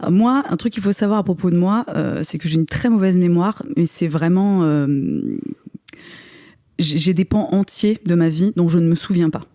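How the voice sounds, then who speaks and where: A woman's voice: lowish voice, normal speed, dark tone, no room sound, clean studio sound. A woman in her thirties from eastern France, a podcast guest chatting casually, laughing often and restarting her sentences. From Moselle, eastern France. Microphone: studio microphone.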